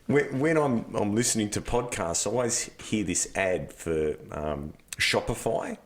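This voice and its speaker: A man's voice: lowish voice, animated, unhurried. A man co-hosting a motorsport podcast, joking and laughing in casual chat. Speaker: podcast co-host.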